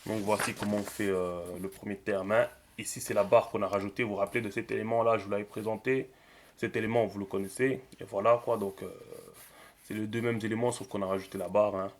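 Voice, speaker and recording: Relaxed man teaching, lowish voice. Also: fast talker. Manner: relaxed, thinking aloud with many fillers. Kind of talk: screen tutorial.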